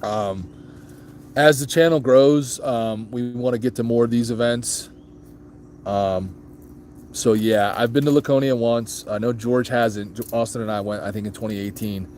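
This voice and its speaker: A man who grew up moving around as an Army child hosts a casual motorcycle vlog, reading live chat and answering viewers loosely with plenty of ums and restarts. His mid-range voice is unhurried and a little mellow, with slight hiss or hum.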